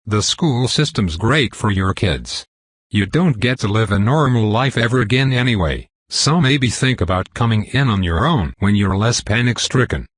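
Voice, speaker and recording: A wry, rambling young male student from a storybook, voiced by a male narrator. He talks low and a little husky, laying out his thoughts at length. The sound is close and dry. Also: animated, moderate pace, no echo.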